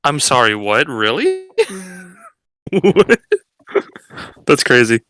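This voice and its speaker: A man's voice: mid-range voice, wildly swooping pitch, slow pace. A man joking and teasing the others while chatting casually during a tabletop game. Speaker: player.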